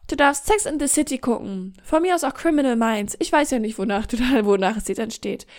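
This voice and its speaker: A woman's voice: fairly high pitch, expressive, fairly quick. A woman hosting a podcast monologue, speaking straight to the listener in an encouraging, vivid way and acting out little scenes. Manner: warm, encouraging, direct address. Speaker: podcast host, coach.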